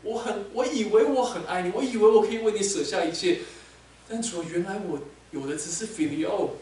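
A man's voice: fairly high pitch, close to an everyday voice. Preacher guy doing a broken ashamed disciple, stops and starts, big echoey hall, kinda far off. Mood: pleading. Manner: halting, confessional, breaking off mid-phrase. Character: ashamed, broken male disciple pleading with his lord. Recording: echoey hall, mic at a distance.

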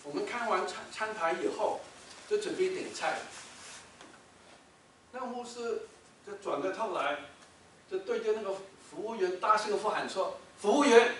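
Male pastor with a high voice, storytelling sermon; booming reverb, mic distant. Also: lively intonation, normal speed, long pauses, slight background noise. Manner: storytelling, rhetorical questions, loud when quoting shouts. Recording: echoey hall, mic from far off.

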